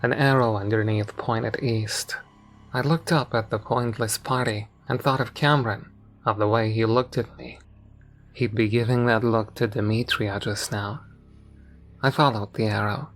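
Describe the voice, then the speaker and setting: A man's voice: fairly low pitch, steady tone, fairly bright tone. Man narrating a horror story. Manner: measured, storytelling delivery. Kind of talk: scripted first-person horror narration. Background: faint background music.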